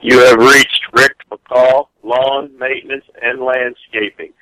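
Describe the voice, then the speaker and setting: A man's recorded answering machine greeting for his business, heard over a phone call, spoken slowly and formally. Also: medium pitch, little pitch movement, bright, forceful tone. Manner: slow, formal, measured. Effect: recorded answering machine greeting played over a phone call. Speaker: business owner.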